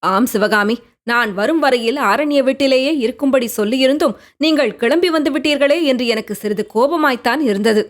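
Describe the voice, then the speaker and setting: A woman voicing a gentle young prince who coaxes and pleads with the woman he loves in an audiobook. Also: sits high, moderate pace, close to an everyday voice. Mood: tender. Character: young prince, tender, coaxing, devoted lover. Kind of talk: audiobook character reading.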